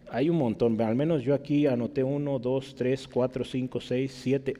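A man teaching a Bible class in Spanish, checking in with his listeners and spelling out Greek words slowly. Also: on the high side, a little mellow, in a large hall. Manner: checks in with listeners, asking "¿verdad?" and "¿sí?".

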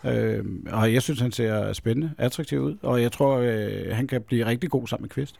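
A man co-hosting a casual football podcast, talking haltingly with many fillers and trailing off quietly. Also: medium pitch, creaky, dry recording. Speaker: podcast co-host.

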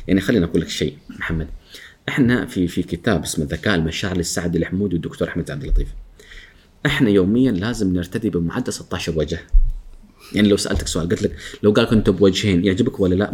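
Rapid-fire animated man with husky voice. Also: lowish voice. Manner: lively, acts out coworkers' lines, laughs often. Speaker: guest speaker on workplace etiquette. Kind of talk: animated talk show chat.

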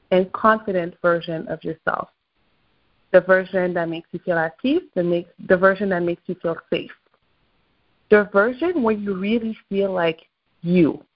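In a recording with its high frequencies cut off, a medium-pitched woman coaches listeners through a lively morning motivational talk. She comes from Quebec, Canada, speaks French natively, and has a Québécois accent.

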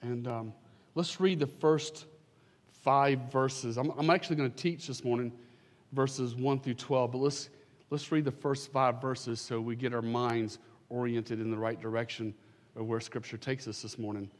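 Speaking at a moderate pace with a medium pitch and fairly even intonation, this man leads prayer from the pulpit before his sermon rises into emphatic, fervent proclamations. The sanctuary's long reverb trails after him.

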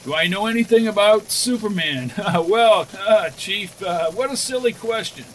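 A man's voice: high-pitched, animated, unhurried. A man playing a confident, polite young newspaper reporter in a 1940s radio serial. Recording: noisy vintage 1940s radio recording.

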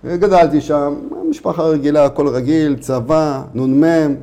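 A middle-aged startup founder from Israel, who immigrated from Latvia at age four, tells his story as a guest in a casual interview. His voice is fairly high, steady, and mellow, with an Israeli accent, and he speaks informally, repeating himself.

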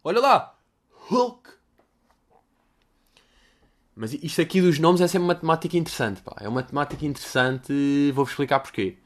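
A young man with a European Portuguese accent, answering listener questions in a rambling, crude, jokey comedic monologue. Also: medium pitch.

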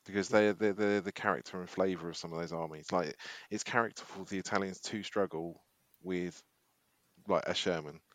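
A man's voice: low voice, fairly even intonation, normal speed, dry recording. A man co-hosting a podcast, chatting casually and rambling with hesitations. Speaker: podcast co-host. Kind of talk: casual chat.

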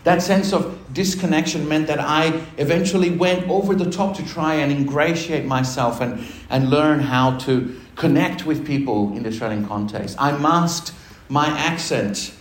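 Speaking at a moderate pace with hardly any pauses, this pastor has a slightly high voice. He shares his personal testimony in a spacious church hall, whose roomy sound is audible, staying conversational, poking fun at himself, and sharing laughs with the congregation.

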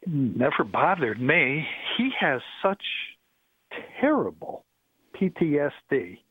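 A man calling in to a radio talk show over the phone, speaking haltingly and searching for his words. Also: on the high side, sing-song, husky, no room sound. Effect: heard over the phone. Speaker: caller. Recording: tinny phone line.

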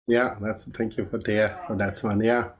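This interview guest is a Buddhist priest and dance master from Nepal's Kathmandu Valley, speaking English with a Nepali accent. His fairly low voice shows little pitch movement as he explains things conversationally in halting, repetitive non-native English.

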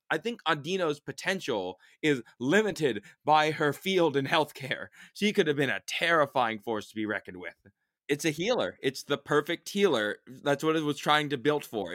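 A man's voice: a little high, fairly bright tone, dry recording, clean studio sound. A man co-hosting a podcast, explaining creature trivia in an enthusiastic, rambling casual chat. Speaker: podcast co-host. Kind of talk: casual chat about monster game creatures.

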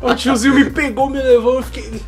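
A man in casual chat, telling childhood school stories with animated energy and frequent laughter. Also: very high-pitched, brisk, faint music behind.

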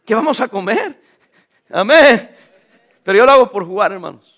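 A man's voice: sits high, animated, normal speed, a bit bright. A middle-aged man preaching a sermon as a pastor, jovial and joking with the congregation.

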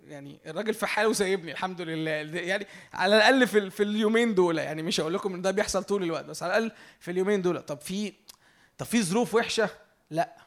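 A man with an Egyptian Arabic accent giving a conversational sermon, earnest, moving from emphatic preaching to quiet self-reflection. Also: high voice, racing.

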